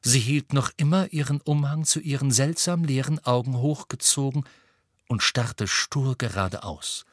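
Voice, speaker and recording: A man narrating an audiobook in an expressive, varied reading. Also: medium pitch, slightly rough, no echo, studio quality.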